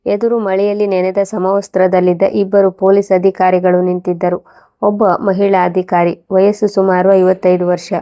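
A woman narrating a scripted first-person story in a calm, steady way. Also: mid-range voice, normal speed.

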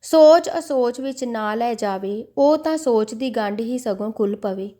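A woman narrating a devotional audiobook in a measured storytelling manner. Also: fairly high pitch, expressive, mellow.

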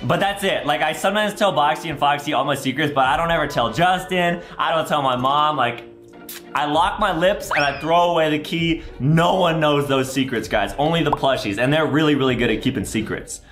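Recorded in a roomy-sounding indoor room over background music, the young adult host of a gaming video gives over-the-top, childlike commentary aimed at kids, dramatic and repetitive. He's American, and his voice is a little high, a little fast and a bit bright.

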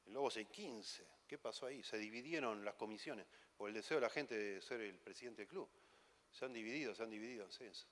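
A man with an Argentine accent delivers a conference sermon in a low voice. He talks in a conversational, teasing way, firing off rhetorical questions. His voice trails off into a long hall reverb. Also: a little fast, fairly bright tone. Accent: Argentine Spanish. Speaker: preacher.

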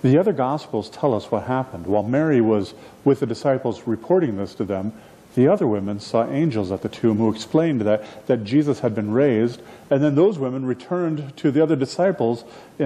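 A middle-aged man preaching a sermon from a church platform, expressive and gesturing, often restarting his phrases. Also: medium pitch, fairly quick. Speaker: pastor. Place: church platform indoors, livestreamed.

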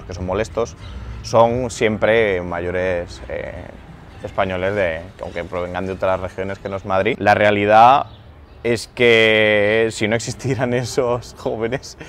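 Low-voiced man explaining his neighborhood project. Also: a little hiss or hum. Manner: thoughtful, reflective, restarts phrases. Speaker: youth boxing association founder. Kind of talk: documentary interview. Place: outdoors in a city neighborhood. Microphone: lapel mic.

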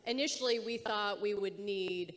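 A woman's voice: mid-range voice, moderate pace. Rambling woman in a ringing hall. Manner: rambling, hesitant storytelling. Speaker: panelist. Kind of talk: panel talk. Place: festival stage.

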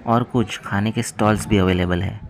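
A man's voice: lowish voice, fairly even intonation, normal speed. A young man narrating a travel vlog on roads, waterfalls and a dam, guiding viewers along the way. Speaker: travel vlogger. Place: outdoors on rural roads and by waterfalls.

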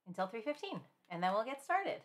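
Woman art instructor, relaxed live-stream class; gentle, chatty, laughs often. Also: a little high, a little fast.

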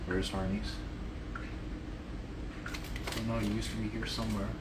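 This livestream finds a thirtysomething fitness coach and vlogger cooking in his home kitchen, chatting loosely and jokingly. He speaks lowish, with little pitch movement and a moderate pace; a phone camera nearby, held or propped, captures echo and clear ambient noise.

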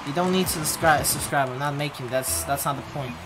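Speaking fairly quickly, this young game streamer chats casually while playing, wearing a headset at his desk at home. He's blunt and mumbly, answering his chat with low asides as game music plays loudly underneath.

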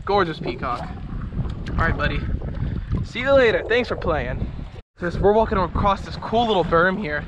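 A young man giving excited casual fishing vlog commentary in frat-bro slang, saying dude constantly. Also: a little high. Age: young adult. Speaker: fishing vlogger. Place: outdoors on small boat on canal. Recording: windy outdoor noise on boat.

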